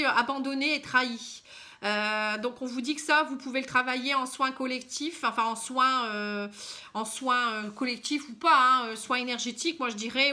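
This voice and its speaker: A woman giving a casual tarot reading to camera, halting, with many fillers and a frequent "hein". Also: high voice, bright, forceful tone. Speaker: tarot card reader.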